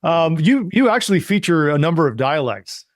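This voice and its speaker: A man hosting an interview show, asking short, relaxed follow-up questions. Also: fairly high pitch, moderate pace, no echo, studio quality. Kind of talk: casual interview conversation.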